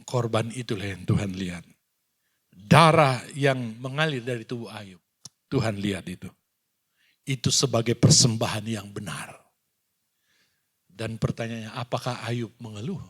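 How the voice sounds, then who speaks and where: A male pastor preaching a sermon, retelling scripture with animated acted-out dialogue. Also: mid-range voice, measured pace, pauses often, breathy edge. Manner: animated storytelling, acts out dialogue. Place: church hall.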